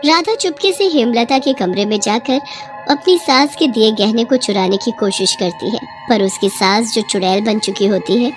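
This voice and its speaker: A woman with a fairly high voice tells a scripted horror story in a steady, expressive way. Faint music plays behind her. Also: normal speed.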